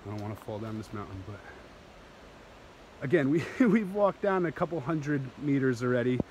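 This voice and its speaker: A vlogger in his thirties narrates a walking vlog into a phone camera held at arm's length as he hikes down a steep jungle trail. His medium-pitched, darkish voice is expressive and moderately paced, enthusiastic and rambling, with frequent laughter. A little hiss or hum sits under the audio.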